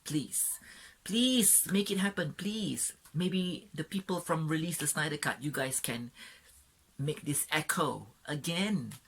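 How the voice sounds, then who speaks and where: A young woman talks through a film review in a gushing, excitable vlog manner. Her voice sits low and a little husky, and she keeps breaking into giggles and quick apologies. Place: Sydney, Australia.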